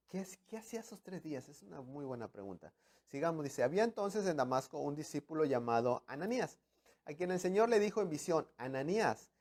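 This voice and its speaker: Animated male preacher. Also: fairly high pitch. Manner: animated preaching, acting out dialogue, swings from loud to hushed. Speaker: pastor. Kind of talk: sermon.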